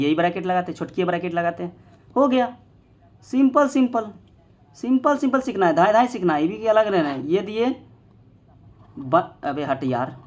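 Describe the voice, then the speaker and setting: Playful high-voiced teacher. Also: male voice. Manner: playful, teasing, repeats words for drilling. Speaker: math teacher. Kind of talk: online classroom lesson.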